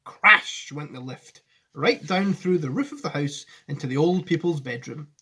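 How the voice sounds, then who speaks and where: This teacher in his forties reads a children's story expressively from his living room, speaking to his pupils with friendliness. His voice is a little high, bright and forceful with a breathy edge, expressive at a moderate pace. A device camera at arm's length records him.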